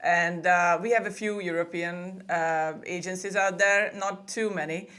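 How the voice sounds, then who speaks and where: A woman speaks in a fairly low voice. She talks in a chatty, easygoing way, often restarting her phrases. She sounds like a guest on a remote interview. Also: steady tone, unhurried, a bit bright. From Hungary. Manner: chatty, with frequent laughs and restarts. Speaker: podcast booking agency co-owner, guest. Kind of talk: casual interview conversation.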